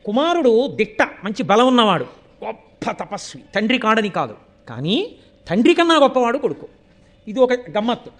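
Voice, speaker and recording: High-voiced man giving a scripture discourse. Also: moderate pace. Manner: animated storytelling, chanting Sanskrit verses; swings between loud emphasis and hushed asides. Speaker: spiritual discourse speaker.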